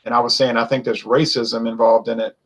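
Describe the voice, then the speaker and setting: A man's voice: medium pitch, level tone, fairly quick, a bit bright, low-quality recording. A man co-hosting a casual wine chat, rambling and opinionated, with lots of fillers and restarts. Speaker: wine show co-host.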